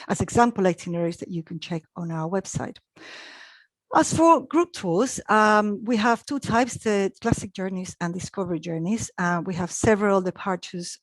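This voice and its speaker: A middle-aged Chilean woman, a travel expert, chats her way through a live online travel webinar, full of ums and restarts. Her voice sits in the mid range, with no room sound.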